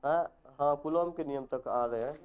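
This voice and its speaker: A man's voice: fairly high pitch, normal speed, a little mellow, clear, resonant tone, muffled recording. A male physics teacher, giving a classroom lecture and quizzing his students. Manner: instructive, assigns homework and quizzes the class with repeated questions.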